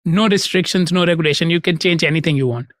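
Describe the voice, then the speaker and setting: A man's voice: on the high side, fast, fairly bright tone, no room sound, studio quality. A man hosting a podcast interview, affirming the guest and asking questions in a friendly way. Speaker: podcast host. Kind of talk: conversational interviewing.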